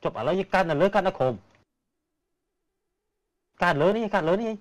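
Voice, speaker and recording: A man streaming and commenting on a video game, excitedly repeating short exclamations as he plays. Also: high voice, normal speed, rough recording. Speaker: gaming streamer.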